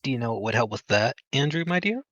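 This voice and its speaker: A man's voice: medium pitch, sing-song, fast talker, fairly bright tone, no room sound, highs cut off. A man reading the lines of a playful, scheming young woman from a game, teasing and sing-song.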